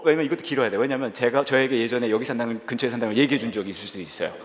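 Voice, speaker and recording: A middle-aged man, a senior pastor, preaching a humorous sermon and acting out little scenes in squealing high voices. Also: very fast, slight background noise. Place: church sanctuary. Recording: reverberant church hall.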